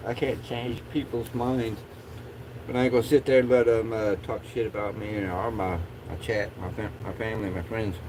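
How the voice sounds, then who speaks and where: A man's voice: fairly low pitch, little pitch movement, normal speed, darkish tone, slight background noise, poor audio. A man chatting casually as a livestream host in a laid-back, rambling stoner drawl.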